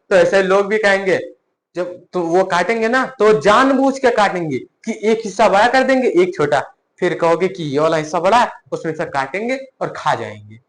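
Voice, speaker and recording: A male teacher telling a fable in a math lesson for children, animated, often asking the listeners questions. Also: high voice.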